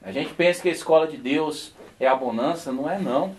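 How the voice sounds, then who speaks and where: A man's voice: on the high side, brisk. A man, a pastor, gives an informal sermon and personal testimony at a home gathering, telling stories in a folksy way and often adding "né?". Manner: folksy storytelling, constantly adds "né?" and laughs softly.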